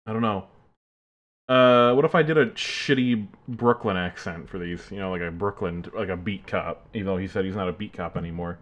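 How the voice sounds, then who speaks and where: A man's voice: deep voice, a little fast, fairly bright tone, lo-fi sound. A man streaming a horror game live, muttering to himself, joking and swearing freely as he plays. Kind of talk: casual live-stream gaming commentary.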